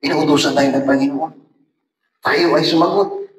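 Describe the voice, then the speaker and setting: A man delivers an emphatic, animated revival sermon, speaking in a fairly high voice. He keeps turning to his listeners with direct appeals. The sound is echoey, with a faint hum of ambience behind him. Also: moderate pace. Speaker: preacher at a revival meeting. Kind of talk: evangelistic sermon.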